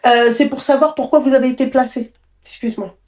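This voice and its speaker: A woman's voice: sits high, steady tone, a little fast, darkish tone. A woman hosting a live talk show, giving a caller direct, affectionate advice.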